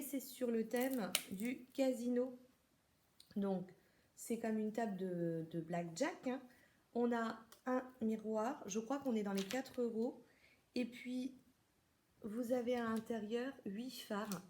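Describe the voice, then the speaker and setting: A woman's voice: a little high, darkish tone, a little hiss or hum. A woman from France chatting to camera about a makeup haul, talking casually with many hesitations and restarts. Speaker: beauty vlogger.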